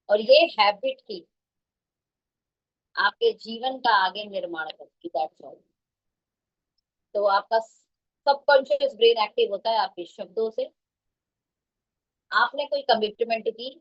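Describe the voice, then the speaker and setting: A woman giving an emphatic motivational talk, repeating her phrases and mixing in English. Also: on the high side. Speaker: motivational speaker. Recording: dull lo-fi sound.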